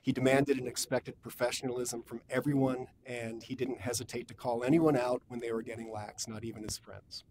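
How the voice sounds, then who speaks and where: Male member of the public at a meeting microphone, earnest and halting, even intonation, faint room rumble. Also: rough recording. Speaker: county employee giving public comment. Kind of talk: public comment, spoken tribute at a formal meeting.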